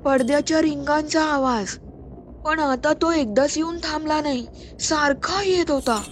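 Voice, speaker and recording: A woman storyteller and podcast host giving a scripted, slow and suspenseful narration. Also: sits high, background noise.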